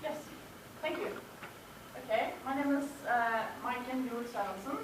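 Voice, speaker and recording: A woman's voice: fairly high pitch, unhurried. A woman from Denmark, speaking informally as a panelist at a roundtable. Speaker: academic panelist. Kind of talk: conference roundtable talk. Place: conference room. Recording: echoey room, distant mic, background noise.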